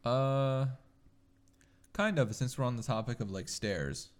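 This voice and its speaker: Low-voiced man swearing through casual chat. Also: big pitch swings, moderate pace. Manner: swears freely. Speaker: podcast co-host.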